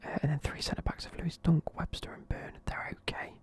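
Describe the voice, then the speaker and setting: Sleepy whispering young man. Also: brisk. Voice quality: whispering throughout. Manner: casual, sleepy, swears offhand. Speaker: video creator. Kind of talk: whispered football team review.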